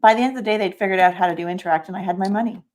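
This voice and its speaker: A woman's voice: medium pitch, very fast, a little mellow. A middle-aged woman co-hosting a podcast who coaches others, speaking reflectively with self-deprecating humor. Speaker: podcast co-host and business coach. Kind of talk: casual podcast conversation.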